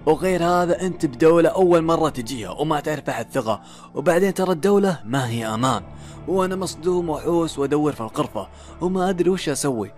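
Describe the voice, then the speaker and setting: A man tells a horror story in the first person at a brisk, rushing clip. His voice sits a little high for a man. He builds suspense with pauses and questions to himself over faint background music. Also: lively intonation, darkish tone.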